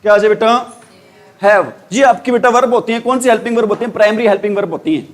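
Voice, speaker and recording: A high-pitched man with a Hindi accent runs a classroom grammar lesson. He asks the same question again and again and answers it himself. He calls the students "beta". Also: quick pace, faint music behind. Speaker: English teacher.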